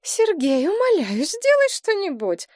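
A shrill, wailing widowed mother of middle age, voiced by a woman narrator, her voice climbing high into sobbing outbursts. The voice sits far above the reader's own and is recorded dry and close. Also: huge pitch swings, unhurried, darkish tone, dry recording, full character voice. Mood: accusing.

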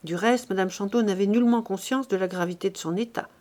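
A woman narrating a classic novel in a measured, even storytelling manner. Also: mid-range voice. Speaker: audiobook reader.

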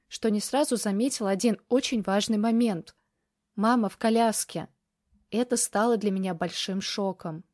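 Woman narrator, first-person novel, intimate emotional read, mid-pitched voice, dry studio sound. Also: darkish tone, no echo. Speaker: audiobook narrator.

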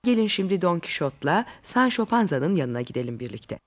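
A narrator telling a classic tale in a lively, inviting way. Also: medium pitch, a little fast. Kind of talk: storybook narration. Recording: dull lo-fi recording.

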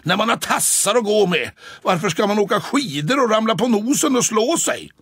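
A man's voice: sits high, animated, fairly bright tone, husky, dry recording, studio quality, pitched above the performer's own voice, heavily acted. A man voicing a proud, grumpy male town cat in an audiobook, speaking in a stern, haughty way. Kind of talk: audiobook character voice.

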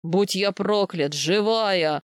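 A huge bearlike man roars and scolds in a low, loud, gruff voice, as a woman reader puts him on. He is a loyal protector with a blunt, fatherly temper. The sound is dry and close, with no room around it. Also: normal speed, dry recording, natural voice. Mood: overjoyed. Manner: roaring, scolding.

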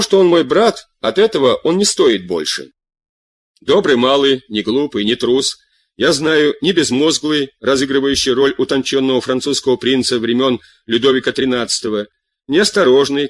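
A man voicing a calm, stubborn middle-aged king who answers with dry irony and long cool lectures, in an audiobook reading. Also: mid-range voice, moderate pace, dry recording, lightly acted. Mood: sardonic. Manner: cool, sardonic, lectures at length.

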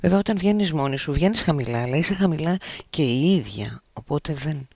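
A man's voice: a little high, expressive, a little mellow, no room sound, studio quality. A man hosting a web radio show, chatting casually and teasingly on air with a lot of hesitation. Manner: easygoing and teasing, with many hesitations.

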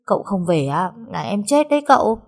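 A woman voicing a cheeky, dramatic young maid girl in a storybook reading, high-pitched and pleading. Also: big pitch swings, fairly quick, vocal fry. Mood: whiny pleading.

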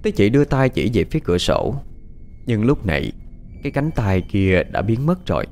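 A male storyteller tells a ghost story, his voice low and full of rises and falls. He stresses the frightening moments with drama. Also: moderate pace. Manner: expressive, dramatic. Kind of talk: scripted ghost story narration.

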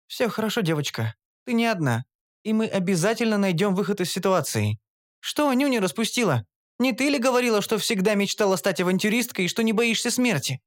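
A scornful young elf woman with a raised, biting voice, as a male reader puts her on. Her lines lash out and jump about in pitch. This is an audiobook character voice. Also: animated, fast talker, few pauses. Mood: comforting. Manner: cutting, insulting. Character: sharp-tongued scornful young female elf.

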